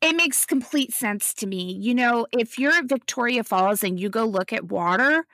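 A woman's voice: fairly high pitch, animated, moderate pace, bright, forceful tone, dry recording. A woman co-hosting a casual travel chat, storytelling and filling her talk with "you know.". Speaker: podcast co-host.

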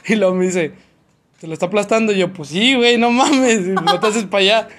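A young Mexican man co-hosting a podcast tells a story in a casual chat, speaking rapidly in a high, slightly bright voice with a Mexican Spanish accent. He is slangy and throws in sound effects and voices, with faint noise in the background.

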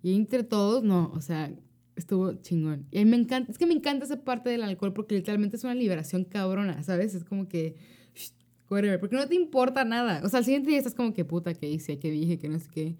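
Slangy Mexican woman, mellow voice. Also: medium pitch, fast talker. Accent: Mexican Spanish. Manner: slangy, animated storytelling. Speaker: podcast co-host. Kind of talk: casual chat.

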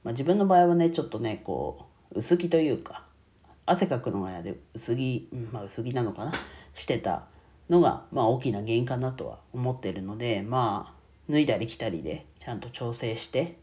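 With a stuffed-up nose from a cold, a bookkeeping streamer and YouTuber chats with listeners on his own. He speaks at normal speed in a mellow, medium-pitched voice with lively intonation, sounding nasal throughout.

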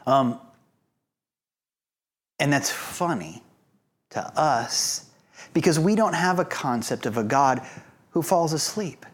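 A preacher at mid pitch tells a Bible story in a relaxed, conversational sermon. The delivery is loose and joking, with throwaway wisecracks woven into the retelling. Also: takes it slowly, long pauses.

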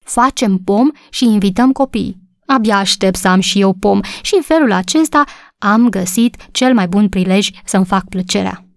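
A kind, sunny young wife from a storybook, talking with bright eagerness, voiced by a woman reading aloud. The recording is dry and close, with no room sound. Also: mid-range voice, no echo, lightly acted. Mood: cheerful.

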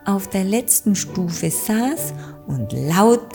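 A woman calmly narrating a children's story in a gentle, unhurried way. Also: medium pitch, gravelly, music in the background. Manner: calm, slow, gentle narration.

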